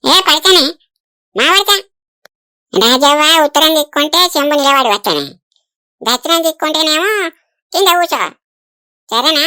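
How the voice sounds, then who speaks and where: A woman's voice: high-pitched, lively intonation, normal speed, pauses often, sharp tone, no echo, clean studio sound. A woman voicing a bossy, boastful village diviner in a cartoon, speaking with a Telangana Telugu accent.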